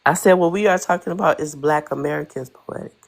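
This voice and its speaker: A woman's voice: low-pitched, quick pace, vocal fry, no echo. A woman calling into a heated debate on a bad connection, her voice fading and cutting out as she makes her point firmly. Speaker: caller.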